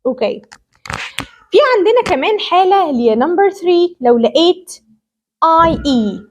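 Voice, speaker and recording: A woman with an Egyptian Arabic accent teaching a beginner English phonics lesson, repeating each example word slowly and drawing it out. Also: extremely high pitch, lively intonation, dull audio, a little hiss or hum. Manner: slow, drawn-out repetition of example words.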